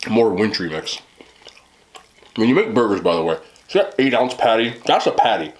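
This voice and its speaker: A man's voice: on the low side, very animated, normal speed, rough recording. A man in his thirties in casual, rambling mukbang chat, joking in slang and talking between bites as he eats. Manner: talks between bites while eating. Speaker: mukbang host. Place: small indoor room, seated at a table.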